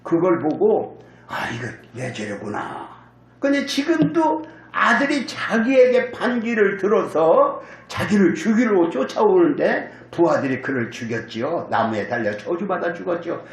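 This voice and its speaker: A man's voice: sits high, lively intonation, normal speed, hardly any pauses. A male pastor preaching a sermon, telling the story vividly, acting out quotes and calling on the congregation to answer. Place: church sanctuary. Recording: echoey church hall.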